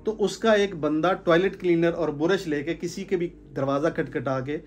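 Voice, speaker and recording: A sales trainer with a slightly high voice, speaking at a normal speed, gives an informal sales talk to a small group in an indoor room with curtains. He's emphatic, gesturing as he speaks and repeating phrases to stress his points.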